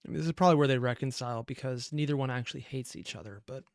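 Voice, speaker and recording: Talking very fast in a mid-range voice, a man reacts to a video with casual, analytical commentary, musing aloud and drifting off mid-thought. The sound is dry and clean, like a studio.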